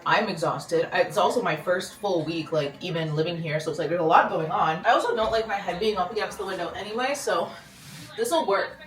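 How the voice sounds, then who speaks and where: A woman's voice: fairly low pitch, a little fast. A young woman vlogging casually in her bedroom, chatty and rambling, often breaking off mid-sentence. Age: young adult. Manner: chatty, rambling, self-interrupting. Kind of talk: casual vlog chat. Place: home bedroom, indoors.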